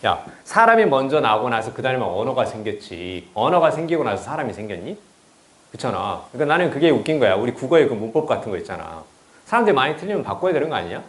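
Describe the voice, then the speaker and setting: A man teaching English in a casual lecture, chatty and blunt, often swearing and checking with students. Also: mid-range voice. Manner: chatty, blunt and profane, asks students "right?". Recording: roomy echo.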